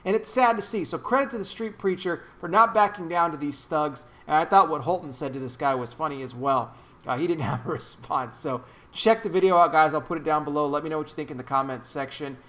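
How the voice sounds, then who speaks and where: A man's voice: fairly high pitch, a little fast, a bit bright. A man giving opinionated vlog commentary in an emphatic, indignant, preachy way, repeating phrases for emphasis. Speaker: YouTube commentator.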